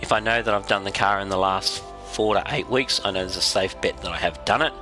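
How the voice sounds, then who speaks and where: Raspy Australian man with a head cold. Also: fairly low pitch, brisk, pushed and bright, faint music behind. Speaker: game livestream host. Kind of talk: casual livestream commentary.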